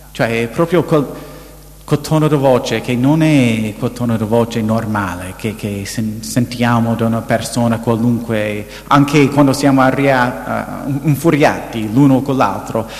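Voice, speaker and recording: A man, seemingly a priest, quietly telling a personal story in a sermon, recorded in an echoey hall. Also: mid-range voice, takes it slowly. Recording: echoey hall with long reverb.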